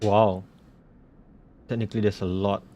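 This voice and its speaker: A man's voice: lowish voice, little pitch movement, a little slow, warm tone, a little hiss or hum. A man streaming a game, reading the story text aloud and muttering casual comments to himself.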